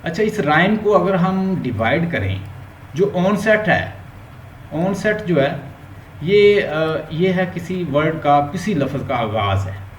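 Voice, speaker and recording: A male teacher with a Pakistani Urdu accent explains phonetics step by step in an online lecture, slipping English terms into his Urdu. His voice sits a little high for a man. The room is echoey and has a faint hum behind it. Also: very animated, slow pace. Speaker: linguistics teacher. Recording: roomy echo, faint background hum.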